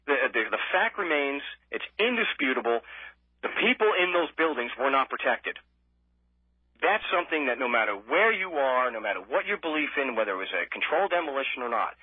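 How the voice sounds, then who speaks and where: A man's voice: medium pitch, slightly rough, no room sound. An American man delivering an impassioned political rant, emphatic and sarcastic, leaning on repetition and rhetorical questions. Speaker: political speaker. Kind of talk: impassioned anti-government monologue. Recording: band-limited, tinny phone or radio sound.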